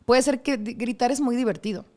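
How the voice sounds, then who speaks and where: A woman's voice: on the high side, brisk. A woman, a radio host telling her story as a guest in a casual interview and acting out other people's voices. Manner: animated, acts out quoted voices.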